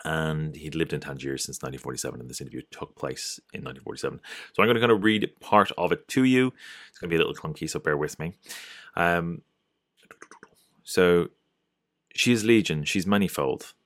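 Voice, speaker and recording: A man's voice: rumbling low, fairly quick, fairly bright tone, no room sound, clean studio sound. A man giving a casual, loosely structured lecture on folklore, often restarting his sentences. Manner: loose and digressive, with frequent restarts and fillers.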